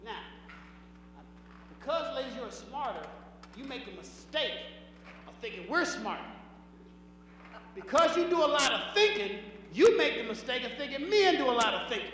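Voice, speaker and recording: High-voiced male comic in an echoey hall. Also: normal speed, long pauses. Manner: animated, acts out voices and shouts punchlines. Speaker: stand-up comedian. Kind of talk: stand-up comedy set. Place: large hall before a live audience. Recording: echoey hall recording from far off, noisy.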